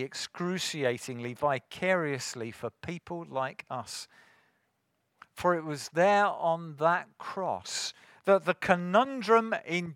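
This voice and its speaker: An earnest man preaching from the pulpit, his voice pitched high for a man and his delivery slow and measured. He builds to forceful emphasis on key phrases, and the sound is close and dry with little room around it. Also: dry recording. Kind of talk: sermon.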